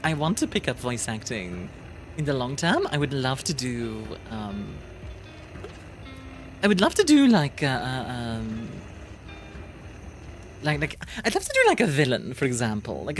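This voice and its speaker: A young woman streaming a video game, chatting casually and rambling with fillers and laughs. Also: extremely low pitch. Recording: game music playing behind.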